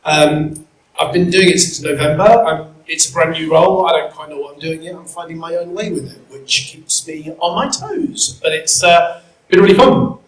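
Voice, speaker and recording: A man casually introducing himself on a panel, with a self-deprecating manner. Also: moderate pace. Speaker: panel speaker, brand executive. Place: live event room, close handheld or stand microphone. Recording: boomy mic in echoey room.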